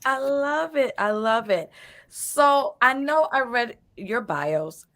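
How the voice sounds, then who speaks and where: A woman's voice: on the high side, lively intonation, slow, a bit bright. A woman in her late thirties hosting a casual live chat show over a video call, upbeat and affirming. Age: 30s. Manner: upbeat, affirming, repeats "I love it". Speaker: host.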